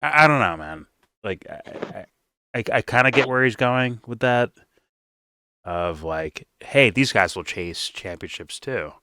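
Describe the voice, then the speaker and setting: A man's voice: on the low side, expressive, a little slow, pushed and bright. A man hosting a reaction show, talking loosely and profanely with stammering restarts. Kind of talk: casual reaction commentary.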